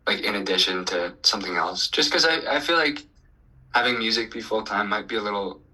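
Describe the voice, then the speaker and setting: Young man with a very bright voice. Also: lowish voice, fairly quick, slightly rough, low-quality recording. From Colorado. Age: 20s. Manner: relaxed, hesitant with fillers and restarts. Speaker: band singer and bassist. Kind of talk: casual interview answers.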